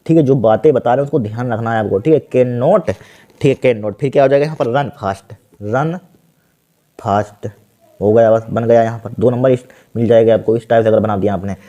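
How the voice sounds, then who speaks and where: A man runs an exam-prep grammar lesson in a dark, mellow voice. He spells out answers word by word as he writes them. He keeps asking the class what comes next, then answers himself. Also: medium pitch. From India. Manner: repeats words slowly while writing, asks and answers himself. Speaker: teacher.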